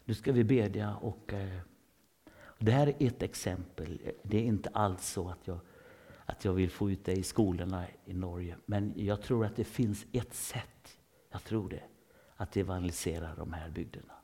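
A man with a Swedish accent preaching an informal sermon, dropping into hushed whispers and then rising into sudden loud bursts. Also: on the low side, breathy edge. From Sweden.

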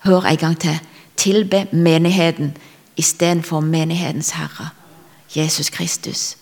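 A woman preaching a sermon with personal testimony, fervent, rising to loud emphasis and dropping to whispers. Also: low-pitched, flat delivery.

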